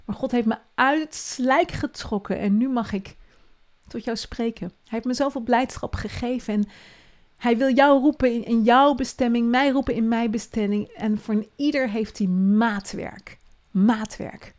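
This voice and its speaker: Woman doing a devotional podcast, earnest and encouraging, goes soft and hushed a lot. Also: on the high side, moderate pace. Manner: earnest and encouraging, often dropping to a soft hush.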